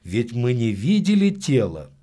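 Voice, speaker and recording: A man doing a hoarse, skeptical investigator. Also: mid-range voice, very animated, unhurried, warm tone.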